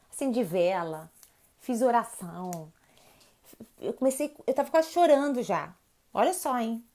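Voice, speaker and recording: A woman in her forties with a Brazilian accent, a mother hosting a live stream about teenagers and chatting casually with viewers, acting out quoted dialogue as she tells stories. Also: fairly high pitch. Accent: Brazilian Portuguese. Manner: lively storyteller who acts out quoted dialogue.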